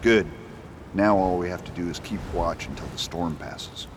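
In an amateur radio drama, a man with a low voice plays a determined US marshal, stubborn and dutiful, speaking earnestly and insistently at normal speed. The acting is light, and the background is noisy.

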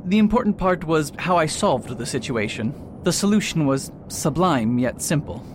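A man with a somewhat high, natural voice speaks at an ordinary pace, cast as a proud, faded detective in an amateur radio drama. He talks pompously and fills his hesitations with filler sounds. The recording is noisy, with a steady hiss underneath.

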